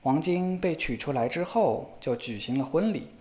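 Male fairy-tale narrator, expressive, slightly high voice. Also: normal speed. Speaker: storyteller.

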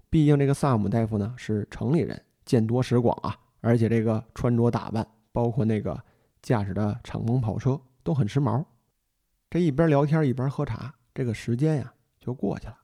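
Male storyteller, mellow even tone, casual folksy retelling of a novel. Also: medium pitch, creaky. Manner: chatty, addresses the listener directly, folksy asides. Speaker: book storyteller.

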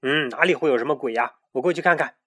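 一个男人给一只冷静懂事、不信邪的小母鸡配音，语气温和安抚。. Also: male voice, medium pitch, quick pace, dry recording, clean studio sound. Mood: calm. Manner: gentle, soothing, matter-of-fact. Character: calm sensible young hen, skeptical.

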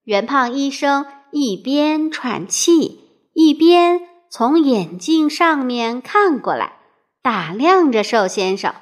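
Woman storyteller for a children's book, high, lively, unhurried, playful asides. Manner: expressive, with playful questions to the listener.

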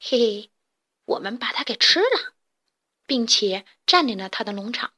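A woman's voice: a little high, sing-song, normal speed, bright, forceful tone, heavily acted. A woman voicing a cheerful young male alien chick in a storybook, chirpy, eager and a little proud. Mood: lively. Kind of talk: storybook character voice.

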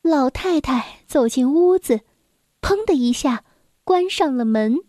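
A woman reading a children's storybook aloud in a gentle, unhurried storytelling manner. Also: sits high, expressive, no room sound, clean studio sound.

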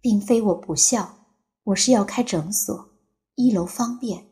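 A bold, demanding young woman psychologist, voiced by a woman narrator in an audiobook. She speaks in curt, firm, cutting lines, unhurried. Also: mid-range voice, mellow, lightly acted. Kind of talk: audiobook character voice.

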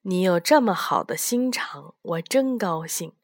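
A woman voicing a kind old male emperor of heaven in a storybook, making slow, grand pronouncements. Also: lowish voice, expressive, dry recording, clean studio sound. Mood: pleased.

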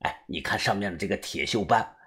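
A man voicing a fussy retired old man who collects jade, with a Beijing accent, speaking lower and quieter. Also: a little fast. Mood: wheedling.

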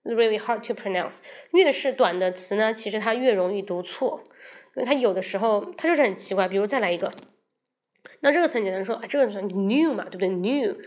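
A woman from China hosting a casual livestream English lesson, chatting with viewers, switching between Chinese and English and slowly repeating words to show how they sound. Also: mid-range voice, a little mellow. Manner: addresses viewers directly and invites questions.

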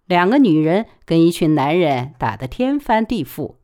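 Expressive female audiobook narrator. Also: fairly low pitch, normal speed, noisy background. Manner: expressive, dramatic reading. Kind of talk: audiobook storytelling.

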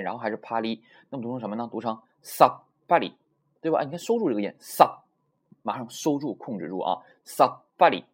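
Male language teacher, husky voice, lively intonation, emphatic and repetitive. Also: medium pitch. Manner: emphatic, drills words by repeating them. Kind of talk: classroom lesson.

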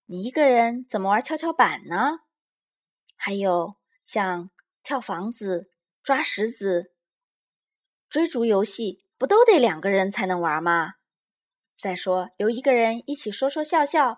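A calm and wise mother bear in a children's storybook, speaking patiently and gently. A woman plays her in a slightly raised, soft voice. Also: on the high side, unhurried.

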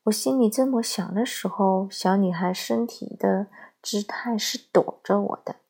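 A woman giving calm, measured scripted narration of a parenting essay. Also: mid-range voice, breathy edge. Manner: slow, measured, calm storytelling.

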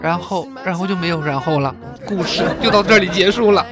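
A man's voice: sits high, a little fast, a loud crowd. A man hosting a comedy news talk show, telling jokes and laughing at his own punchlines. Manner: lively joke-telling with laughs. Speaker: podcast host. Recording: music bed behind voice.

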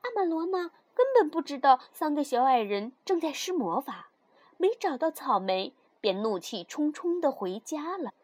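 A woman storyteller reading a fairy tale aloud in expressive, scripted narration. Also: high-pitched, moderate pace, dry recording.

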